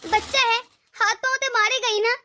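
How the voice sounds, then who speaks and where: A woman's voice: very high-pitched, fairly even intonation, normal speed, pushed and bright, a little hiss or hum, heavily acted. A grumbling cartoon mother-in-law. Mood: weary. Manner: weary, grumbling self-pity. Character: harsh older mother-in-law, tired, complaining. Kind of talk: cartoon dub voice acting.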